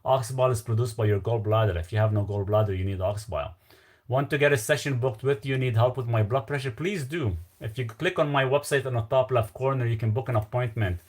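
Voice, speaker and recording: A man with a Lebanese accent hosts a casual live stream, reading viewer questions aloud in a mid-range, darkish voice at a fairly quick pace. His answers are loose and rambling, trailing off into fillers.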